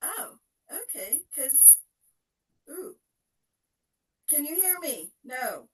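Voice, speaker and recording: A woman's voice: sits high, very animated, very slow, a bit bright. A woman on a video call whose voice sounds hollow and tinny, as if inside a metal can, hesitantly checking whether she can be heard. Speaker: participant in a poetry discussion. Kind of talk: casual group discussion on a video call.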